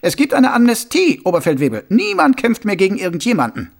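A man's voice: high voice, wildly swooping pitch, a little fast, creaky, pitched above the performer's own voice, heavily acted. A man voicing an earnest, jittery male soldier who talks up at his sergeant.

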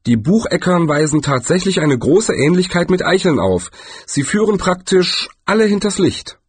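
Man voicing a grumpy nervous wizard, evasive, husky, a bit raised. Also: high-pitched, sing-song, normal speed, no echo, pitched above the performer's own voice, full character voice. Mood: nervous grumbling.

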